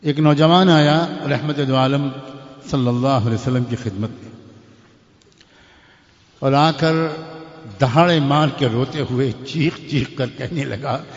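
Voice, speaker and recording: A man preaching an emotional sermon, slowing down to chant verses in Arabic, recorded lo-fi in a hall with a long echo. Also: medium pitch. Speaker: Islamic preacher.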